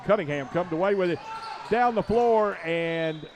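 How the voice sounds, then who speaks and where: A man giving rapid, excited play-by-play of a high school basketball game from a school gymnasium, his voice jumping up on every shot. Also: a little hiss or hum. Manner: rapid, excited calls that rise on shots. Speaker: play-by-play announcer.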